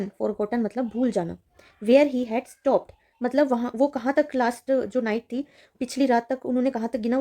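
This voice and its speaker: A woman teaching a children's reading lesson, reading lines slowly and then explaining them in Hindi. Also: fairly high pitch, dark tone. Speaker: English teacher.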